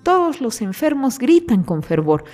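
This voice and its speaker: A woman's voice: fairly high pitch, very animated, a little slow, darkish tone, soft background music. A woman reciting a rhyming children's story poem in a sing-song storybook manner.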